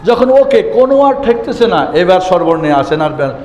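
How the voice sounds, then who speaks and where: High-voiced man teaching in an echoey hall. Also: very animated, a little fast, darkish tone, lo-fi sound. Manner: asks questions and answers them himself, repeats key words. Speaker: Quran reading teacher. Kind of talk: classroom lesson. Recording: echoey hall with faint ambience.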